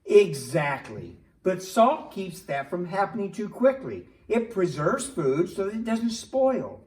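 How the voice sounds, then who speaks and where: Guy doing a high bouncy puppet buddy, friendly and a bit wheedly, echoey room. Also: sing-song, a little slow, darkish tone. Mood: explaining. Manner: friendly, patiently explaining, wheedling for chips. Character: cheerful chip-craving puppet friend, male. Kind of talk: church puppet skit. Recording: echoey room, distant mic.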